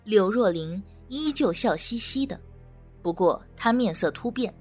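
A woman narrating an audio drama with expressive storytelling, over faint music. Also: medium pitch, unhurried.

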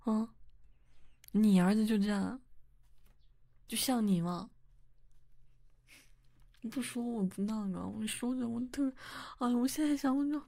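A woman's voice: on the high side, measured pace, vocal fry, pauses often, no room sound, clean studio sound. A young woman acting as a wife and mother in a whispered role-play, talking intimately and teasingly to her husband. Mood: flustered scolding. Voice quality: soft whispery delivery. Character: young wife, playful, easily flustered.

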